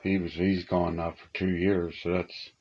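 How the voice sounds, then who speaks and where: Standing in a small upstairs room that's been stripped to the studs, an older radio enthusiast walks through his collection. He speaks at a normal speed in a low, flat voice, with the highs cut off and background noise present, reminiscing in a folksy, plain way with homespun grammar.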